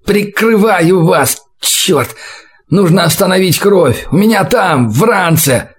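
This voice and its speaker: A man's voice: sits high, lively intonation, slow pace, pitched above the performer's own voice, heavily acted. A man voicing a wounded young male scout who pleads and cries out in pain in an audiobook. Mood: desperate. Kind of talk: audiobook character voice.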